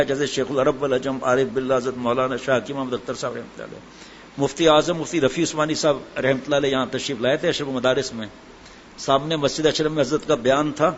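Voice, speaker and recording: A middle-aged man giving a sermon and telling a humorous story, acting out the voices of the people in it. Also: on the high side. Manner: storytelling, acts out quoted voices. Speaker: Islamic preacher. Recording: dull lo-fi with faint hiss.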